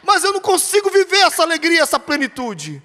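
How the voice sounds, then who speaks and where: A man's voice: very high voice, wildly swooping pitch, quick pace, bright, forceful tone, pitched above the performer's own voice, exaggerated voice. A Brazilian pastor voicing a rejected grown man who pleads tearfully for a father's love. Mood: pleading. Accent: Brazilian Portuguese. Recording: long church hall reverb.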